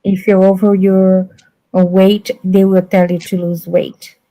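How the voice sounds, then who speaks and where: A woman's voice: mid-range voice, flat delivery, measured pace, warm tone, poor audio. A woman hosting a casual chat, talking bluntly and acting out quoted voices in her stories. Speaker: host.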